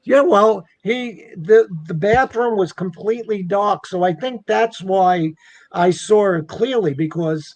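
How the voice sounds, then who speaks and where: Speaking unhurriedly in a high voice, a man shares his own ghost story as a guest, keeping it casual and conversational while voicing what others said. The recording is dry.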